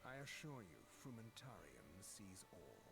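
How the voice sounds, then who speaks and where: A man playing a coolly menacing imperial officer in a video game, with a low gravelly growl and formal, threatening speech. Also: big pitch swings, heavily acted. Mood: cold, threatening. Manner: slow, formal, quietly threatening. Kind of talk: video game cutscene acting. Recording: orchestral game music behind.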